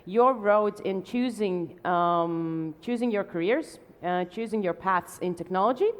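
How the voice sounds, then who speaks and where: Halting woman moderating a panel. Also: mid-range voice, clean tone. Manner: halting, many fillers, friendly. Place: conference stage. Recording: long hall reverb.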